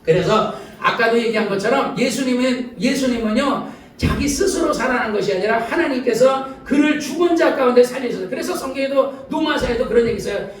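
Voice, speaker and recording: High-pitched, fast-preaching older pastor. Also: male voice. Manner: animated, shouting for emphasis and laughing as he preaches. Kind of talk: sermon. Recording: echoey church hall, mic far off.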